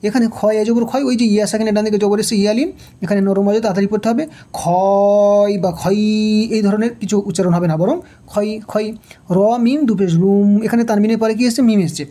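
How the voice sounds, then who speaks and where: A woman's voice: mid-range voice, fairly even intonation, racing, mellow. A woman teaching Quran reading, patiently spelling out each syllable and asking questions as she goes. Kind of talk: slow spelled-out recitation lesson.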